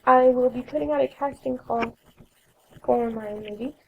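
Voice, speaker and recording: Raspy young woman narrating gameplay. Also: sits high, normal speed, phone-quality sound. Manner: chatty, rambling, self-correcting. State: coughing, sore throat. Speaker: let's play host.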